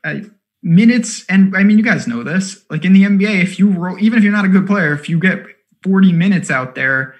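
A man co-hosting a fantasy basketball strategy show, talking casually in quick, animated bursts with lots of fillers. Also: high voice. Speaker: co-host of a fantasy sports show. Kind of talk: casual analytical chat.

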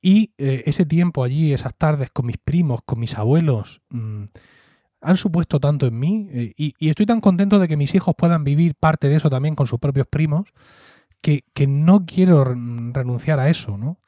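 A man's voice: fairly high pitch, normal speed, mellow, no room sound, clean studio sound. A man with a Murcian accent, co-hosting a podcast and telling fond, reflective stories in casual conversation, often tagging his lines with a questioning "¿no?". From Murcia, Spain. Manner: reflective, fond storytelling with frequent "¿no?" tags. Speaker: podcast co-host.

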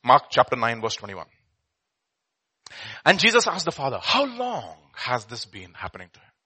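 A man's voice: medium pitch, wildly swooping pitch, normal speed, pushed and bright, slightly rough. A man with an Indian accent preaching a sermon as a pastor, reading scripture and teaching emphatically with rhetorical questions and repeated phrases.

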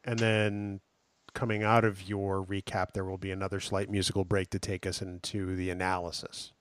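A man's voice: sits low, flat delivery, moderate pace, slight background noise. A man co-hosting a podcast, teasing his partner dryly and steering the recording. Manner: dry, teasing, directs the recording. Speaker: podcast co-host. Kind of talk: casual podcast chat.

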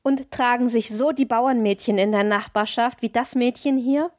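A woman's voice: on the high side, fairly even intonation, normal speed, a little mellow, dry recording, clean studio sound, lightly acted. Woman voicing a bewildered young traveler. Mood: insistent. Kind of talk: audiobook reading.

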